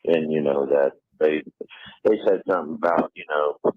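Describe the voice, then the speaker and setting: A middle-aged man talking to his son on a prison phone call, halting and full of "you know". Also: extremely low pitch, fairly even intonation, slightly rough, no echo. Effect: prison phone call line. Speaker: father on a jail call. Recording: tinny phone line, dry.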